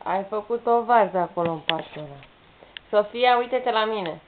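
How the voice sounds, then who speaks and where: Young mother coaxing her toddler, tinny. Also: mid-range voice. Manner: coaxing, repetitive prompts to a small child. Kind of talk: playful baby talk to a toddler. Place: home, in a room with a bed. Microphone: camera's built-in mic. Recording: tinny lo-fi home camera audio with faint noise.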